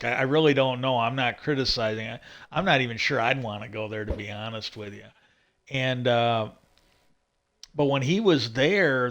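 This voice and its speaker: A man's voice: mid-range voice, fairly bright tone. A man hosting a livestream, talking casually and rambling about a topic with many restarts and asides while he plays. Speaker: livestream host.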